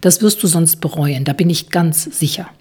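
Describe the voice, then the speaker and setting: A curious, impulsive middle-aged woman who presses with question after question, voiced by the narrator herself. Her voice sits low and husky. It reads like an audiobook dialogue. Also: normal speed, darkish tone.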